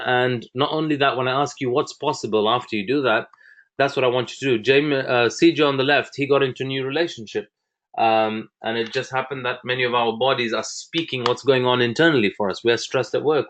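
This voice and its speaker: A man in his thirties gives a presentation with enthusiasm, at a middle pitch. He often pauses on fillers as he goes. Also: a bit bright. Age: 30s. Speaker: fitness program founder. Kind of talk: presentation talk.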